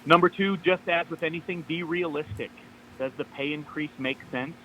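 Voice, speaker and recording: Heard on speaker over the phone, this male caller offers upbeat, step-by-step pointers in a casual chat. His voice runs high, bright and forceful at a moderate pace, with a little background noise.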